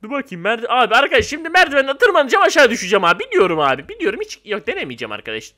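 A young man giving casual gameplay commentary, excitable and loud at times, then dropping to a flat mock-calm mumble. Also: extremely high pitch, rapid-fire. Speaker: gamer.

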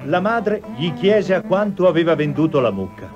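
Telling a children's cartoon fairy tale, this male narrator has a slightly high, sing-song voice at normal speed. His delivery is scripted and theatrical. Music accompanies him on a dull, lo-fi TV soundtrack.

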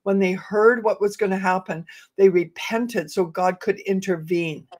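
An older woman hosting a devotional talk, speaking to her audience in measured short phrases. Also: medium pitch, fairly even intonation, a little mellow. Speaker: host of a prayer programme. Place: indoor room, video call. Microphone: video call microphone.

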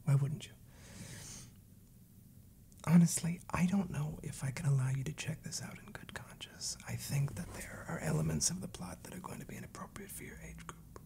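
A man's voice: fairly high pitch, normal speed, creaky, dark tone. A man in his twenties playing a fussy, exasperated, wordy librarian scolding a child in a whispered role-play. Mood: prim, reluctant. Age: 20s. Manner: prim, wry, wordy.

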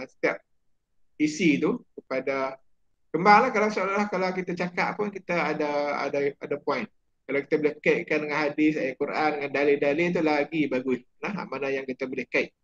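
Malaysian religious teacher, man, talking students through exam prep with lots of fillers; a somewhat high voice on a muffled, lo-fi recording. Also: fairly bright tone. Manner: chatty, many fillers and checks.

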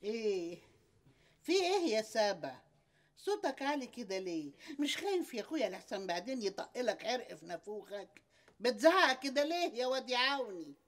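Brief: an older Egyptian mother-in-law, nosy and insistent, slightly high voice. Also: very animated, brisk. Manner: prying, complaining, insistent questions. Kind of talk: TV series acting.

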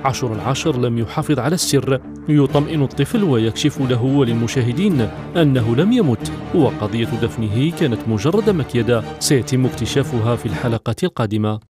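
Brisk male news reporter over music. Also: medium pitch, lively intonation. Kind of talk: scripted news report narration. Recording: music bed behind voice-over.

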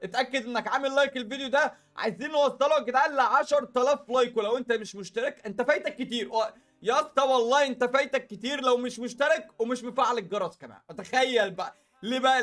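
High-voiced, fast Egyptian gaming vlogger. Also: male voice, a bit bright. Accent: Egyptian Arabic. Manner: chatty, talks straight to viewers with lots of filler asides. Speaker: gaming YouTuber. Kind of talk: casual gameplay commentary.

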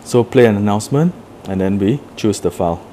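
A man's voice: lowish voice, expressive, a little fast, dark tone, a little hiss or hum. A man casually walking through a product demo, explaining each step plainly in an office room. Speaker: product demonstrator. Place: indoor office room with a table.

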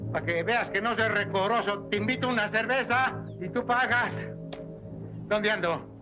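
A man's voice: sits high, moderate pace, music in the background, lightly acted. An actor playing a rambling, cheeky small-town man with a Mexican Spanish accent, joking and dropping broken English words in a 1960s film comedy. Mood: taunting.

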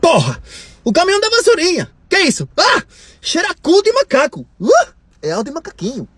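A man doing an excitable Brazilian guy. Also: very high voice, normal speed, no echo, voice pushed up, exaggerated voice. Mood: excited. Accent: Brazilian Portuguese. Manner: excitable, cursing.

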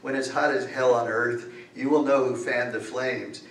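Older man, mocking sing-song rhyming recitation, mid pitch, echoey room, heard from a distance. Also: steady tone, moderate pace, a bit bright. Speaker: open mic poet. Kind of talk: rhythmic satirical verse recitation. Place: library meeting room, at a podium. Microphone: podium mic, far camera.

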